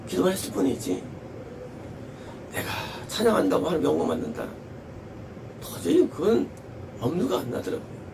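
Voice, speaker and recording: A man's voice: high voice, a little mellow, distant mic, a little hiss or hum, poor audio. A male pastor preaching a sermon with emphasis, repeating key phrases and asking rhetorical questions.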